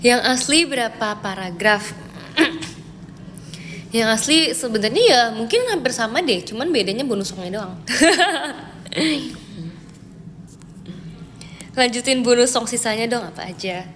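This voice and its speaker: A woman's voice: a little high, animated, normal speed, fairly bright tone, big-room sound, a little hiss or hum. Chatty young woman on a live stream. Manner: chatty, reads viewer comments, filler-heavy. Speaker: idol group member streaming live. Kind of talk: casual live-stream chat.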